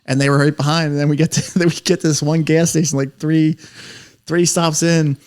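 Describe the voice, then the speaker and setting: A man's voice: fairly high pitch, level tone, fairly quick, a little mellow. A man telling rambling, profane stories in casual podcast chat, laughing as he goes. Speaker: podcast co-host.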